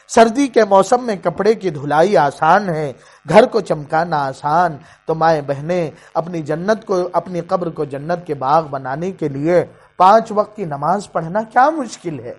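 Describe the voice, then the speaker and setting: Emotional male preacher, high voice. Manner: pleading, emotive storytelling. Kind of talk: emotional sermon.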